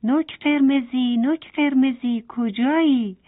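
A woman voicing a playful, friendly rabbit in a bedtime story, chatty and lively. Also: sits high, natural voice. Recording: tinny phone-like sound.

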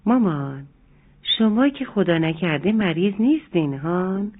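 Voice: medium pitch, animated, natural voice. A narrator voicing a sweet, obedient little girl in a children's story, asking polite, wondering questions. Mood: curious, sweet. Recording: narrow phone-like sound, faint music.

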